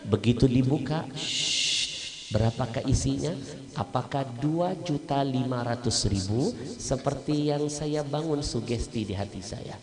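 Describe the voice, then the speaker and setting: A man's voice: mid-range voice, unhurried, crowd noise. A man preaching a storytelling sermon at a religious gathering, with a Malaysian Malay accent, animatedly acting out the voices of the people in his story. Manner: animated, acts out voices of mother and others. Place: religious gathering with a live audience.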